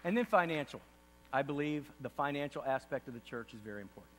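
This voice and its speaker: Animated and fast, with a mid-range voice, the pastor delivers his earnest state-of-the-church speech at a podium on a big auditorium stage, rising into passionate emphasis. Faint hum runs through the distant, reverberant hall sound.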